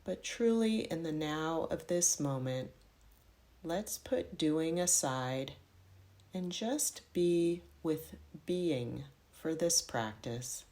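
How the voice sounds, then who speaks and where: Speaking very slowly, a woman with a deep voice leads a yoga nidra-style meditation, setting out every instruction in measured phrases. Her tone is gentle and instructive, yet her intonation is lively.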